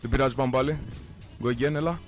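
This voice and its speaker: A young man giving casual, excitable gameplay commentary, swearing and breaking into sudden shouts, his voice strained from shouting. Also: medium pitch, faint music behind. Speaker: gamer streamer.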